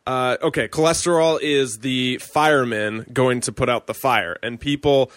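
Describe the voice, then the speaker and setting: Male host, mid pitch, dry close mic, relaxed chatter. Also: no room sound. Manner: casual, chatty, fast when telling a story. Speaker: podcast host. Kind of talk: podcast interview.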